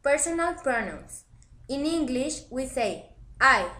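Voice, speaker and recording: High-voiced woman reading a lesson slowly. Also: sing-song, bright, forceful tone. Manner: deliberate, reading aloud. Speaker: presenter. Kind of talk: scripted lesson narration.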